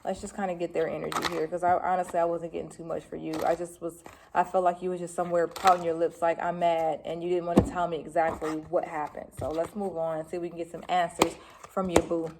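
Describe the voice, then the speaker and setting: Woman, tarot reader, casual reading, fast and chatty, blunt slang, slightly low voice. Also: flat delivery, heavy background noise.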